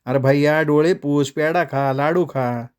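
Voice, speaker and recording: A man's voice: fairly high pitch, unhurried, clear, resonant tone, close to an everyday voice. A man reading aloud a rustic young woman's fond, bossy letter to her brother. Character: affectionate village girl writing to her brother.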